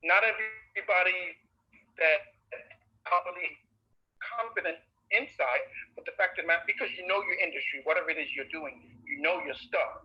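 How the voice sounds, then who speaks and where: A man from the Bronx calls in with a question, talking earnestly and haltingly with fillers, his voice cutting in and out on the line. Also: sits high, slightly rough. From the Bronx, New York. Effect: voice cutting in and out on an online call. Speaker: caller asking a question. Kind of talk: casual Q&A over an online call. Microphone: video call. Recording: dull lo-fi call audio.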